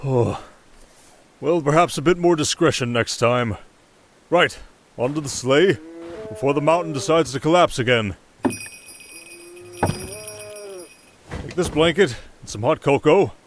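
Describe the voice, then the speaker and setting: A man performs a fatherly old Santa figure for an audio roleplay, pitched a little high for a man. He is indulgent and jolly, with gentle scolding, over clear background sound effects. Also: normal speed, background noise, natural voice. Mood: concerned, fatherly. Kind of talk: ASMR roleplay voice acting.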